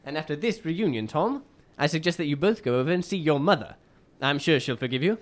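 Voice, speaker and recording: A man acting in a radio drama as an astute, courteous gentleman detective, formal and given to thoughtful musing. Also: fairly high pitch, expressive, a little fast, lightly acted. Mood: brisk.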